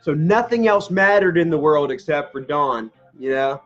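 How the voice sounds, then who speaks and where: A man's voice: fairly high pitch, lively intonation, normal speed, fairly bright tone, dull audio, faint music behind. A man chatting casually on his live stream, rambling through memories, laughing often and swearing as he eats. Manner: eating ice cream while talking.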